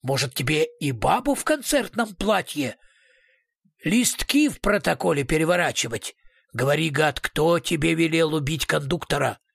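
A man's voice: on the high side, animated, normal speed, vocal fry, slightly rough, no room sound, full character voice. A man voicing a brutal male police investigator who switches between sugary politeness and snarling threats.

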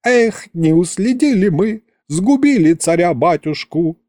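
A man voicing a complaining, sharp-tongued old grandfather in an audiobook. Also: high-pitched, animated, measured pace, no room sound, studio quality, voice pushed up. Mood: grumbling. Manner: whiny, complaining. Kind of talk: audiobook character reading.

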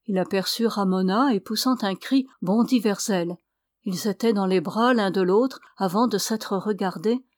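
A woman reading a novel aloud as an audiobook narrator, measured and even. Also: medium pitch, no echo, studio quality. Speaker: audiobook reader.

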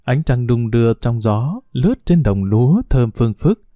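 A man narrating a story in a calm, measured reading. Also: medium pitch, no room sound, studio quality. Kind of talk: audiobook storytelling.

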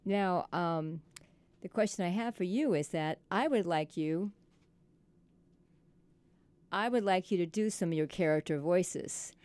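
Smooth, mellow woman radio host. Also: lowish voice, a little slow, pauses often, no room sound. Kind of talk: radio interview.

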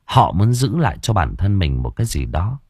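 Lively male audiobook storyteller. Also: low voice, slightly rough, no echo, studio quality. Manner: lively, expressive reading with quick dialogue. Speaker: audiobook narrator. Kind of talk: storytelling narration with character voices.

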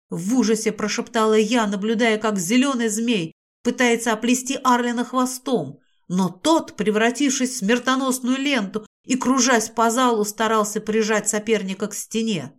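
A woman narrating a first-person audiobook in an expressive, dramatic reading style. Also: on the high side.

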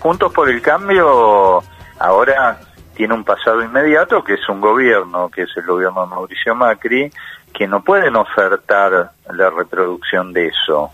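A man's voice: fairly low pitch, expressive, moderate pace, no room sound, phone-quality sound, soft background music. A sociologist with an Argentine Spanish accent explaining politics in an interview, acting out examples as he goes. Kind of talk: interview answers.

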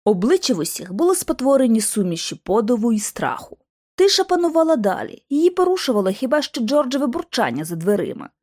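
A woman reading an audiobook narration in an expressive, dramatic manner. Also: on the high side, quick pace. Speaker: audiobook reader.

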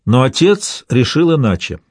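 A man narrating a historical story in a measured, old-fashioned style. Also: mid-range voice, sing-song, dry recording, studio quality. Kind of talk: scripted audiobook narration.

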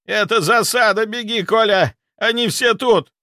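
Man doing a shrill, cowardly chief doctor. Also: big pitch swings, normal speed, gravelly, dry recording, studio quality. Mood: panicked. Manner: shrill, whimpering. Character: cowardly panicking middle-aged male chief doctor.

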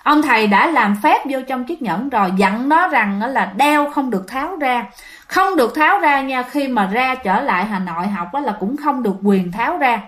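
A woman's voice: high-pitched, animated, normal speed, a bit bright. A woman telling ghost stories in a chatty, dramatic way, often addressing her listeners. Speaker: ghost story narrator. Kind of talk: casual storytelling to listeners.

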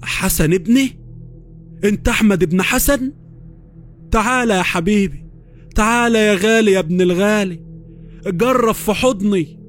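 A frail old grandfather in his seventies with an Upper Egyptian accent, voiced by a man. His thin, tremulous voice sits high and pleads with raw remorse, with faint music behind it in this horror audio story. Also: lively intonation, moderate pace. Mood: tearful, shocked. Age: 70s. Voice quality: weak, tremulous. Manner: emotional, pleading.

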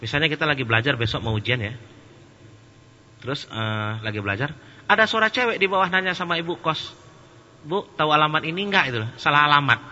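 A man gives a religious study talk in a conversational voice with a very bright, clear edge. He jokes at times and becomes loud and animated. The sound is slightly muffled, with long reverb from a hall and faint background noise. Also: fairly high pitch, fast talker. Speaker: Islamic preacher. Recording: dull, with a long echo in a hall.

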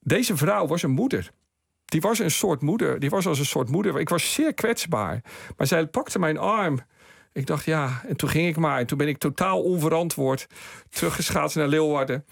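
Gravelly man telling a lively story. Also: on the high side, normal speed, no room sound, studio quality. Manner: lively, chuckling storyteller who acts out quoted voices. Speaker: guest telling his own story. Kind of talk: radio anecdote storytelling. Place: radio studio.

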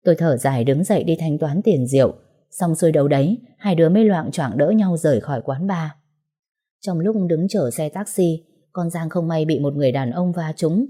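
Low, mellow woman narrating an audiobook in speech. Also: fairly quick, slightly rough. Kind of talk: first-person audiobook narration.

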